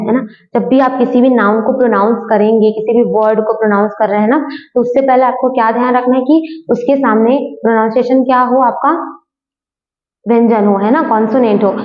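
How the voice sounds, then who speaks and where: A woman teaching an English grammar lesson. She keeps asking questions and answering them herself, and she explains patiently, going over each point again and again. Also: high-pitched. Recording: echoey room, dull lo-fi sound.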